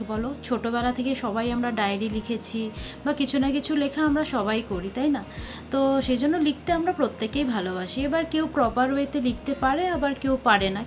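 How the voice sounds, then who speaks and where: A woman chatting casually in a vlog, talking with frequent hesitations and restarts. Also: on the high side. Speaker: vlogger. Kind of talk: casual vlog chat showing books. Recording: slightly dull lo-fi sound with faint music.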